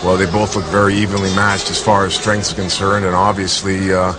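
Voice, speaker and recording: A man's voice: low voice, level tone, fairly quick, low-quality recording. A man giving casual analysis as a co-commentator at a fight. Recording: music behind commentary.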